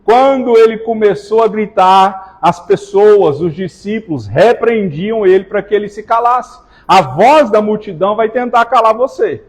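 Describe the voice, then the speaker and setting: A man preaching a sermon in a church, with slow emphatic stresses and joking asides to the congregation. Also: sits high. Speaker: pastor. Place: church hall. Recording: reverberant church hall.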